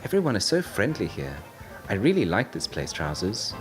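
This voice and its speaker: A man's voice: fairly low pitch, wildly swooping pitch, moderate pace, music in the background. A man voicing a naive, trusting young woman. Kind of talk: audiobook narration.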